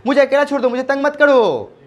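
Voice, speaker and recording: A man teaching spoken English in Hindi, slowly repeating short English phrases for students to copy. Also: very high-pitched, animated, muffled recording. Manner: drills phrases slowly, repeating them aloud.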